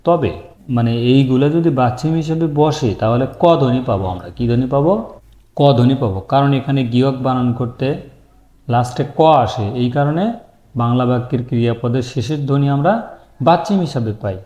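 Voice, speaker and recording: Male teacher with a warm, dark voice who walks through a language lesson step by step, asking and answering questions. Roomy echo. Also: medium pitch, brisk. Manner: asks questions and answers them himself. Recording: echoey room.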